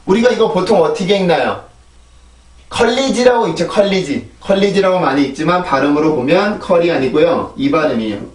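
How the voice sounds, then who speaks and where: A man with a fairly high voice teaches English pronunciation. He explains patiently and models each drill word three times in a row. The sound is roomy and echoey, with the voice set a little back from the mic. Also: lively intonation, quick pace, hardly any pauses, distant mic. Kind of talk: recorded video lesson, explaining and modeling sounds.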